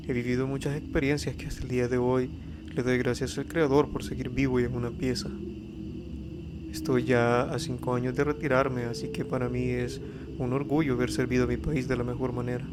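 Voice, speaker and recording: A man narrating a horror story as scripted narration, reading in a steady, even way. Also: mid-range voice, a little fast, noisy background. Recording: eerie ambience under the voice. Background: spooky ambience and effects.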